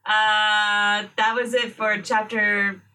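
A woman's voice: mid-range voice, flat delivery, very slow, bright, forceful tone, far from the mic, faint music behind. A woman co-hosting a podcast, chatting casually about a TV show and laughing easily. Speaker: podcast co-host. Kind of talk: casual chat recapping a TV show.

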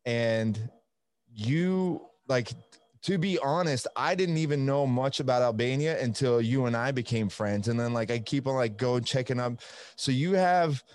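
A man's voice: medium pitch, a little slow, darkish tone. A young man with an Italian accent hosting a podcast, talking in a rambling, upbeat way full of fillers. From Italy. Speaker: podcast host. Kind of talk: casual interview chat.

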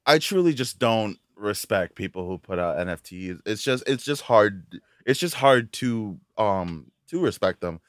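A man's voice: fairly low pitch, lively intonation, measured pace, few pauses, no room sound, clean studio sound. A young man hosting a podcast in casual, blunt, sweary chat, often repeating himself. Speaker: podcast host.

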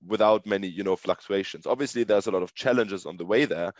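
Echoey, muffled low-voiced man explaining his startup. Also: fast. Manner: explanatory, often tags sentences with "right?". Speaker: startup co-founder being interviewed. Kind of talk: conversational interview answers about business. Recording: muffled lo-fi audio, echoey room.

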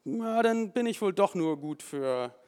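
A man preaching a sermon, telling the story lively and with emphasis and voicing the people in it. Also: high voice, unhurried. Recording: long hall reverb.

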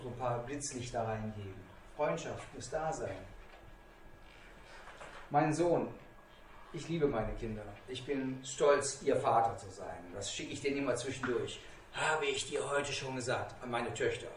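A middle-aged man giving an evening seminar talk to an audience, lively and emphatic, teasing his listeners and quoting people in their own voices. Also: medium pitch, far from the mic, a little hiss or hum. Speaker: seminar speaker. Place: seminar room with a live audience. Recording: echoey room, speaker away from the mic.

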